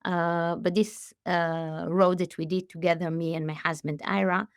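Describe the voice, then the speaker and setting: A woman in her late forties, originally from Israel, answering interview questions as a company head, speaking with frequent pauses, fillers and restarts. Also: lowish voice, level tone, clean tone, dry recording, studio quality. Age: 40s. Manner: warm, halting, many fillers and restarts. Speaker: CEO and guest. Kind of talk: conversational interview.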